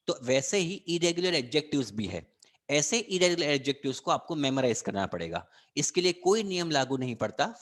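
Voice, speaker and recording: A man with an Indian English accent giving an online lecture, mixing Hindi and English and drilling students on words. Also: medium pitch. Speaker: English teacher.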